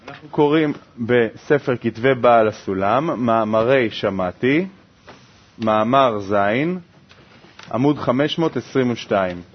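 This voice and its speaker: A man reading a text aloud in a study lesson, in a quick, steady recitation. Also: mid-range voice, slight background noise. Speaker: reader. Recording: dull lo-fi recording.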